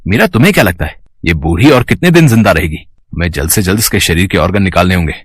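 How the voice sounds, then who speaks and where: A man's voice: low-pitched, animated, fast talker, husky, no room sound. A man voicing a greedy, manipulative male doctor in a storybook drama, coaxing and cold. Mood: scheming.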